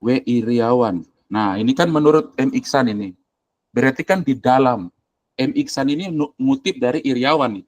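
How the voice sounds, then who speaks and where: A man of medium pitch talks at a normal speed with no echo. He's a lecturer at a university, steering a video call through a shared screen with casual, blunt directions, thinking out loud between clicks in an informal tutoring session.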